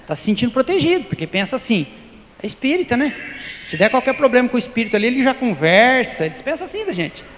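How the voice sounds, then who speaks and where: A man with a high, very animated voice gives a Spiritist talk, spinning humorous stories and playing out both sides of each conversation. The sound rings with long hall reverb over a faint hiss. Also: quick pace. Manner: humorous storyteller acting out dialogues. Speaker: lecturer at a Spiritist center. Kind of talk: Spiritist lecture with anecdotes. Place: lecture hall.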